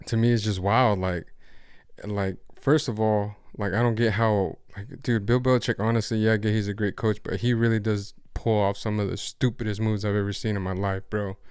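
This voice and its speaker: A man's voice: fairly low pitch, a little mellow, smooth, no echo, studio quality. A man hosting a podcast, talking casually about sports in a rambling, slangy way with frequent restarts and swearing. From Mexico. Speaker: podcast host.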